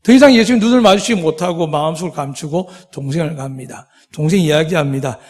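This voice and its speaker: A pastor preaching a sermon, with dramatic voiced quotes and many rhetorical questions. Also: male voice, a little high, fast, darkish tone, in a large hall. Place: church sanctuary.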